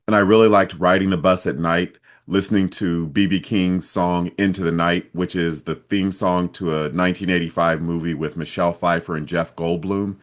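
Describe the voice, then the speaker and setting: Low-voiced man telling a travel story. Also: normal speed. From Ohio, US. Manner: steady, plain storytelling with some restarts. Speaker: vlogger.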